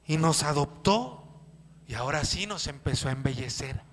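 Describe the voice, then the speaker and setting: A man with a Mexican accent preaching a sermon as pastor, lively, acting out quotes and firing questions at the congregation. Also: fairly high pitch, moderate pace. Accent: Mexican Spanish. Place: church hall. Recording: echoey church hall.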